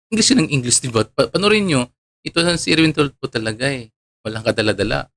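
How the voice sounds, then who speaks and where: A man's voice: medium pitch, lively intonation, a little fast, a bit bright, no echo. Chuckling, chatty man from Palawan. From Palawan, Philippines. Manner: chuckling, chatty, many fillers. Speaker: online commentator. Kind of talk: casual commentary.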